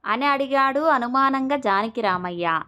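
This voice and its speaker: Woman narrator, children's story, bright tone, smooth clear voice. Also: sits high, expressive, moderate pace.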